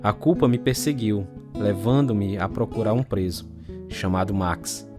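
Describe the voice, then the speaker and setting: Over music, an actor plays a troubled man recovering from alcoholism who narrates his own life story as the protagonist, earnest and confessional, in a somber, reflective mood. It's dramatized testimony narration with acted scenes. His natural voice is lowish and a little slow.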